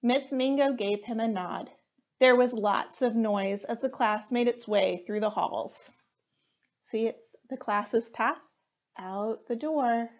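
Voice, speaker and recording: A firefighter in her thirties reads storybooks aloud for a children's storytime. Her higher-pitched voice is expressive, and she reads at a very measured pace.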